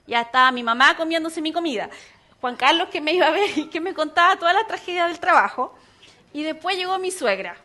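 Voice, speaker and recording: Delivering a sermon at a brisk clip, a woman pastor with a very high-pitched voice tells a personal story with lots of animation, imitating the voices of others.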